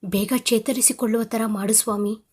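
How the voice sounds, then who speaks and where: Woman reading a middle-aged mother-in-law in tearful prayer, husky high voice, audio storybook. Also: fairly even intonation, moderate pace, a little mellow. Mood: tearful pleading.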